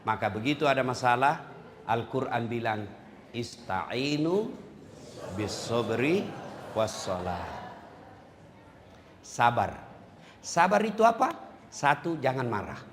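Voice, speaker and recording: A male preacher with a Makassar Indonesian accent delivering a joking sermon, dropping into low asides and rising into loud exclamations. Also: sing-song, moderate pace, long pauses, background noise. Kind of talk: humorous sermon. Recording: hall reverb, faint ambience.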